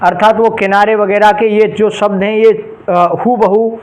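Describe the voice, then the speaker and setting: A male English grammar teacher giving an exam-prep lesson. He explains each rule patiently and reads out example phrases slowly, stopping to ask his students rhetorical questions. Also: high-pitched, little pitch movement, darkish tone, poor audio. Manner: addresses students directly and checks understanding with rhetorical questions.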